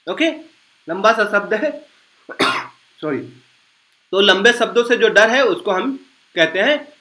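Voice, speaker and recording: High bright-voiced Indian teacher. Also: male voice, roomy sound, rough recording. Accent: Indian English. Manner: repeats key words slowly, asks and answers own questions. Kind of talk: classroom vocabulary lesson.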